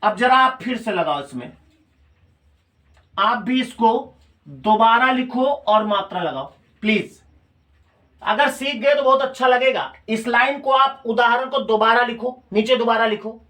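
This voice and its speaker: A man's voice: very high-pitched, expressive, a little slow, pushed and bright. A male teacher with a Hindi accent of Uttar Pradesh, giving a classroom lecture. He repeats key phrases and keeps quizzing his students with questions.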